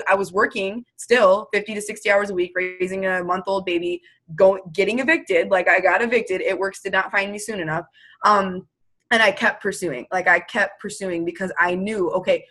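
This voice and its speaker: A woman's voice: medium pitch, pushed and bright. A young woman talking casually as a guest, emphatic and motivational, swearing now and then. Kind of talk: casual chat.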